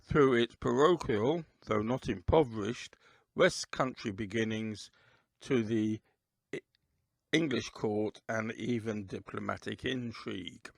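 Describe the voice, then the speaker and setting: Gravelly male podcast host, unhurried and measured in delivery. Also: fairly low pitch, no room sound. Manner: measured, deliberate, with occasional "uh" pauses. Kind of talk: solo history podcast talk.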